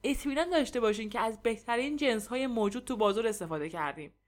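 A pompous, portly landlord, as a woman reading a story puts him on, formal and self-important in every polite phrase. His voice sits a little lower than her narration, said with measured dignity in a storybook reading. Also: natural voice. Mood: insistent.

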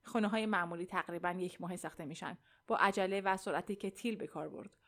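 Calm woman narrating a storybook. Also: medium pitch. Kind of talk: audiobook narration.

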